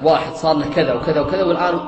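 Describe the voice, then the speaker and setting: Fast-talking preacher in an echoey room. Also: male voice, on the high side. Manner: dramatic retelling, swears oaths, repeats "he says". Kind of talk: sermon storytelling. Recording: echoey room with faint music.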